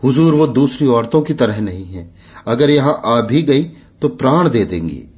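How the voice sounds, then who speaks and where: A man's voice: mid-range voice, animated, moderate pace, a little mellow, close to an everyday voice. A man voicing a pleading poor laborer. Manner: pleading, humble. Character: desperate male laborer pleading with his boss.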